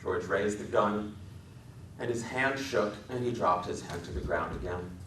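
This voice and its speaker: In a library event room, a Wisconsin-born American author narrates a literary story as a dramatic reading. His lowish voice has a fairly bright tone and an unhurried pace. The sound echoes around the hall, picked up by a distant mic with faint noise.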